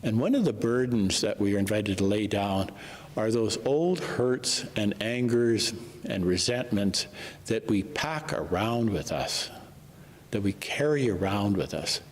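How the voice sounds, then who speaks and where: A man, a priest, reading the gospel and preaching a homily in a slow, measured way, his voice ringing in the long reverb of a large church. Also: on the low side, expressive. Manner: slow, measured, unhurried delivery.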